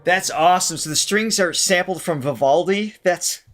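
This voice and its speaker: A man co-hosting a live music reaction podcast, chatting casually, upbeat and quick to laugh. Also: sits high. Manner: upbeat and animated, laughs often. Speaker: podcast co-host running a live reaction stream.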